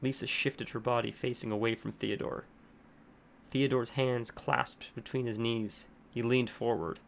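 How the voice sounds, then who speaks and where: A man narrating a horror story in a steady, measured way. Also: medium pitch, vocal fry, a little hiss or hum.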